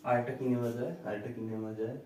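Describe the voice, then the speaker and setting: A man teaching an English grammar lesson, breaking words slowly into syllables and answering his own questions to the class. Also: mid-range voice, steady tone, darkish tone, a little hiss or hum. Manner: asks the class questions and answers them himself. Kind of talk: classroom lecture. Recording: roomy echo, voice from a distance.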